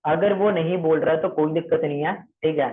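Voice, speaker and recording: A man's voice: fairly high pitch, fairly even intonation, a little fast. A man coaching trainees through a calling script, repeating points, checking they understood, and slipping English phrases into his talk. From Maharashtra. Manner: repetitive, checks understanding often; mixes English phrases into Hindi. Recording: tinny phone-like audio.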